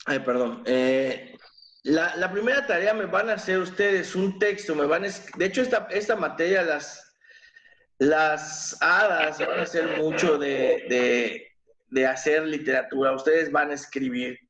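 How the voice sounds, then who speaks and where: A man with a somewhat high voice gives a slow, patient online lesson, stopping to correct himself and filling gaps with hesitations. The sound carries the echo of a bare room. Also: a bit bright, highs cut off. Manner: slow, explanatory, counting syllables aloud with fillers and self-corrections. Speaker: teacher. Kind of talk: online class lecture. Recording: echoey room.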